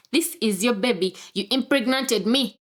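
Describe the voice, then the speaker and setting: A woman's voice: a little high, measured pace, natural voice. A woman doing a sassy young mother. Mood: accusing. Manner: sassy and accusing. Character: brash young mother accusing a man.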